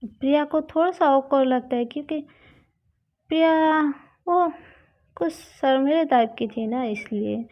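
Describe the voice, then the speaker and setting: A woman narrating a love story in a plain, unhurried telling. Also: high-pitched. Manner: slow, plain retelling. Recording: dull lo-fi recording.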